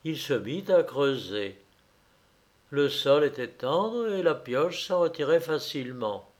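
Slow expressive male storyteller. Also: a little high. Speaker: narrator. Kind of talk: scripted story narration.

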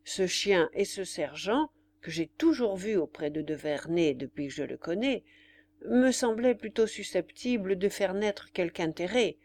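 A woman's voice: lowish voice, lively intonation, unhurried, darkish tone. A woman reading a storybook, voicing an earnest young male hussar officer who speaks in a reproachful way.

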